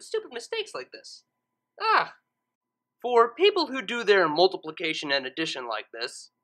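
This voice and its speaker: With a fairly low voice, a woman reads fan fiction aloud, narrating expressively and adding casual commentary in a theatrical, emphatic style.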